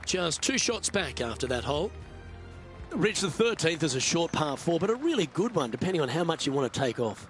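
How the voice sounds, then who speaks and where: A man's voice: a little high, big pitch swings, a little fast, faint music behind. A man giving live play-by-play golf commentary as a tournament commentator. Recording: crowd and loud outdoor noise behind. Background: tournament crowd, outdoor ambience.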